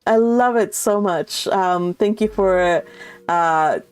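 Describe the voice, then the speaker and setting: Taking things slowly in a smooth, mid-range voice, a woman hosting a live read-along chats with her viewers. The talk is relaxed, affectionate, informal and full of giggles.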